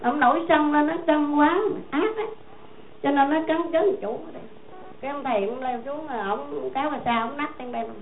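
A woman's voice: sits high, normal speed, slight background noise. A woman, a Buddhist nun giving a dharma talk in a folksy, repetitive, conversational way. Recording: echoey tinny phone-like sound.

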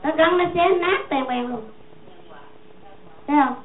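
High-voiced nun telling a story. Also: female voice, measured pace. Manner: conversational, repetitive, folksy. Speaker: Buddhist nun. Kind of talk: dharma talk storytelling. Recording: echoey tinny phone-like sound.

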